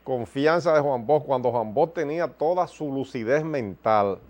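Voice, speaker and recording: A man's voice: medium pitch, moderate pace, darkish tone. A man with a Dominican Caribbean Spanish accent interviewing conversationally, with respectful, affirming interjections.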